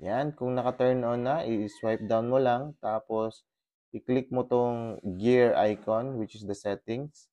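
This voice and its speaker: Recorded through a helmet intercom headset with the highs cut off, a Filipino motovlogger explains how to pair his gear step by step. His voice is mid-range and his pace slow, and he mixes Tagalog and English, explaining steadily with many fillers. It's a casual tutorial vlog shot on his motorcycle, outdoors in a subdivision.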